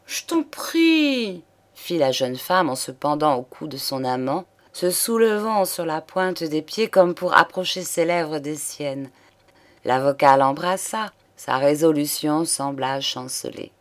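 A woman reading a detective novel aloud in a calm, measured storytelling way. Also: deep voice. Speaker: audiobook reader.

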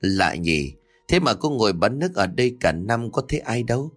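A man's voice: lowish voice, big pitch swings, normal speed, soft background music. A man voicing a nosy older woman who sells drinks by the road, asking prying questions.

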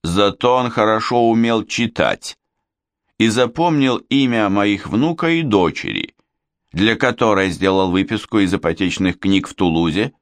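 Casting note: a bitter, snappish older Frenchwoman villain, read by a man with a low, lively voice in a dry booth. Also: no echo. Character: vengeful scheming older Frenchwoman, spiteful. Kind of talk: audiobook character voice.

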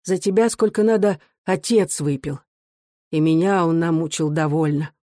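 A reader voicing a weary working-class mother who speaks softly, sadly and tenderly. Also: mid-range voice, normal speed, dry recording, clean studio sound, close to an everyday voice. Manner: soft, sad and tender.

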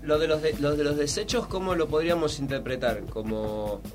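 A man's voice: on the high side, fairly quick. A man in a casual radio discussion, speaking tentatively and often seeking agreement. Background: music.

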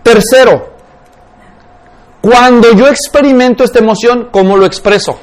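High-voiced man teaching a class. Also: moderate pace. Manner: keeps asking the class questions. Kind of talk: classroom lecture on spiritual life. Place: classroom with students.

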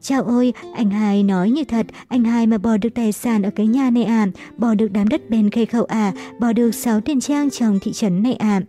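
A woman's voice: a little high, fairly quick, few pauses, warm tone, soft background music, lightly acted. A woman voicing a scheming wife of the house who mocks a stepson, in a storybook reading. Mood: mocking. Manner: mocking.

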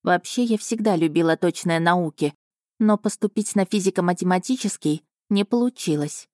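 A woman narrating an audiobook in the first person, with a measured, even storytelling delivery. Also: fairly low pitch, no room sound, clean studio sound.

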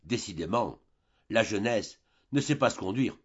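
A man's voice: lowish voice, lively intonation, normal speed, breathy edge, dull audio. A man doing a mocking cool convict. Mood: sardonic. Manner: cool and sardonic. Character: calm, mocking middle-aged male convict.

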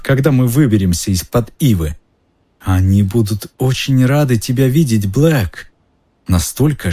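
A man with a husky voice reading aloud and voicing a cold, venomous male schoolmaster who hisses and sneers. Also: mid-range voice, voice pushed up. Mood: hissing menace. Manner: hissing, sneering, bursts into shouting.

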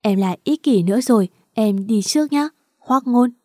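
A heartbroken young woman begs through her tears in a storybook romance, as a woman narrator puts her on. Her voice stays mellow and soft-edged, and it is recorded close and dry. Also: fairly high pitch, animated, moderate pace, dry recording. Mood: trembling. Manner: tearful, pleading. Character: grief-stricken young woman pleading with her lover.

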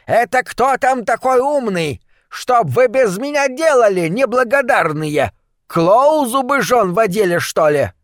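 A man voicing a feisty, sharp-tongued old midwife who scolds the crowd. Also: very high voice, big pitch swings, unhurried, dry recording, clean studio sound, voice pushed up, heavily acted. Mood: indignant. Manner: scolding, indignant hollering.

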